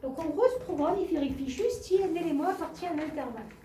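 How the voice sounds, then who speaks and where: A woman's voice: sits high, fast, mellow. A woman teaching a math class, explaining patiently, repeating points and asking the students questions. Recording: echoey classroom from far off.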